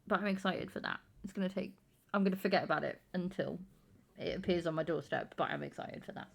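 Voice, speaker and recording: A woman hosting a casual book chat stream, talking fast and acting out her own reactions in quoted voices. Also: fairly low pitch, vocal fry. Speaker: stream host.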